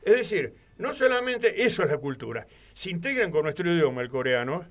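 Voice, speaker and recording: A man with an Argentine Spanish accent, a guest on a radio talk show, rambling through animated anecdotes. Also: a little high, fairly quick. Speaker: guest commentator. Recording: studio radio microphone.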